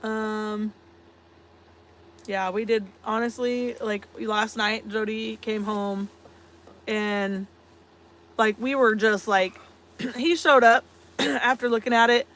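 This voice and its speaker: A woman's voice: a little high, fairly even intonation, slow pace, long pauses, fairly bright tone, a little hiss or hum. A woman co-hosting a casual live stream, chatty and laughing often as she tells long stories full of fillers. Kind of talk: casual chat.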